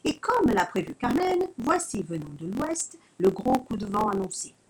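A woman storyteller reading a children's story aloud with expressive, dramatic narration. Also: fairly high pitch, normal speed, low-quality recording. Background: soft music.

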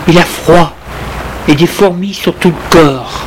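Male narrator, slow halting delivery, fairly high voice, echoey room, music underneath. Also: slight background noise. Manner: measured, halting phrasing. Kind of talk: slow dramatic storytelling.

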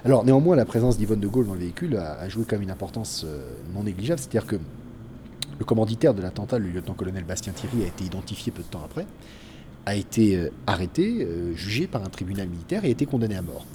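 A man narrates history in an informal, explanatory way. He talks very fast in a lowish, mellow voice, with some noise in the background. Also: expressive, faint music behind. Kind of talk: informal spoken history account.

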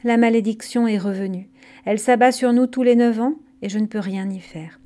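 A woman's voice: on the high side, fairly quick, warm tone, close to an everyday voice. A woman reading aloud as an aging king who answers in a stammering, defensive way. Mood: sorrowful. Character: aging male king, evasive and troubled.

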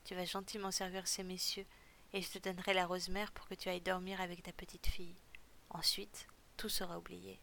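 Woman voicing a cold, cruel male captor with a low, gravelly voice. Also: level tone, fairly quick, sharp tone, a little hiss or hum. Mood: cold menace. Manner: cold, menacing.

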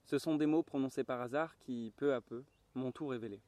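Male audiobook reader, mellow and unhurried, in a garden. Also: medium pitch, no room sound. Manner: calm, measured reading. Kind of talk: audiobook narration. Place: garden, outdoors.

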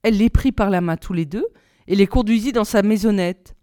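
Smooth-voiced woman reading a fairy tale. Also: medium pitch, a little fast, warm tone, dry recording, clean studio sound. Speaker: reader. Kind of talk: storybook reading.

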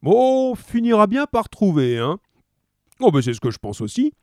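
A man's voice: high-pitched, sing-song, moderate pace, no echo, clean studio sound, voice pushed up. A man doing mumbling policemen with their mouths full. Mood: gruff. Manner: mumbling, chewing, casual.

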